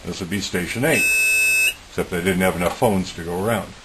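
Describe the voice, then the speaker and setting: Showing off his homemade project, a hobbyist in electronics walks through it methodically and informally in a matter-of-fact, plain-spoken way. He speaks a little fast in a low-sitting voice. Hiss makes the recording clearly noisy.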